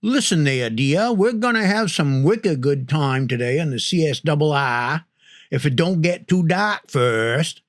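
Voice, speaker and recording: A man's voice: fairly high pitch, lively intonation, a little slow, no room sound. A man putting on a folksy rural Yankee local with a Maine and New Hampshire accent, drawling and slangy as he demonstrates how people talk up there.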